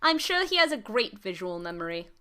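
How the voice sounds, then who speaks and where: A woman's voice: mid-range voice, very animated, a little fast, pushed and bright, smooth. A woman hosting a let's play, commenting on a game in a gushing, playful, theatrical way.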